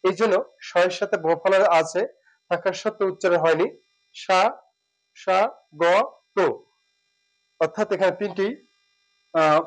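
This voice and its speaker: Male teacher, high register, patient drill-style delivery with hesitant fillers, light mains hum. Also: low-quality recording. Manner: slow, drawn-out repetition of words and sounds, with hesitant fillers. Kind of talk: spoken pronunciation lesson.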